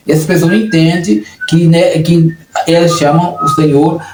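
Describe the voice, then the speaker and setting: A man's voice: fairly high pitch, steady tone, moderate pace, over music. A Brazilian man preaching a sermon in an earnest, repetitive way, often restarting his phrases. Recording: echoey room, distant mic, noisy.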